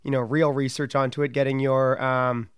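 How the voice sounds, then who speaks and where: A man's voice: mid-range voice, level tone, moderate pace, clean tone, no echo, clean studio sound. A man hosting a podcast, introducing the show and chatting casually with a guest. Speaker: podcast host.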